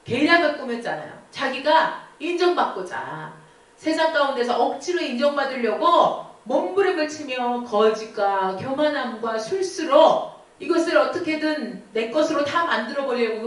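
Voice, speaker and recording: A woman preaching to a youth group, retelling a scripture story with lively questions to the students. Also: sits high, normal speed. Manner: animated, asks the listeners questions. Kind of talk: storytelling sermon. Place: church. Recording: echoey church hall from far off.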